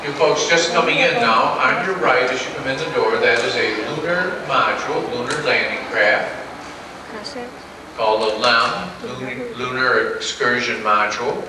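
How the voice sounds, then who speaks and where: A man giving a guided tour to visitors, repeating his relaxed script for each new group, filmed from a distance on an old home VHS camcorder tape. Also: mid-range voice, a little slow. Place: large exhibit hall indoors. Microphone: far camcorder mic. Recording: echoey hall on a noisy old VHS tape.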